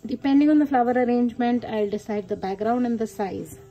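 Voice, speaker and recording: A woman's voice: a little high, a little fast, warm tone, soft background music, rough recording. A woman talking casually through a card-making tutorial, chatty and enthusiastic, thinking aloud with many fillers. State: hiccuping. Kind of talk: casual craft tutorial talk.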